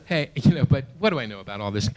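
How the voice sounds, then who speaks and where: Older man doing lively stand-up comedy. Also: mid-range voice, a little hiss or hum. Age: 60s. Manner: halting, self-deprecating delivery with many restarts. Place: small theater stage before a live audience. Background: audience laughter.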